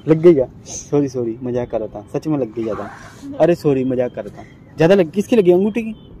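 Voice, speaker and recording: A man's voice: mid-range voice, animated, brisk, warm tone, slight background noise. A young man vlogging a prank on his girlfriend outdoors, teasing her and then apologizing and coaxing her. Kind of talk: casual prank vlog. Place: outdoors, in public.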